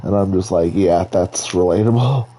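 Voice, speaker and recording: A man's voice: deep voice, normal speed, dark tone. A young man with a stuffy, nasal voice from allergies, chatting casually while gaming. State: congested from allergies.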